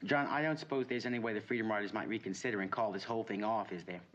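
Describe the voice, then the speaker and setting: An actor playing a stubborn young attorney general. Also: male voice, lowish voice, very fast, fairly bright tone, dull audio, a little hiss or hum, natural voice. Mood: weary. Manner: defensive, rising to insistent. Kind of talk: television drama acting.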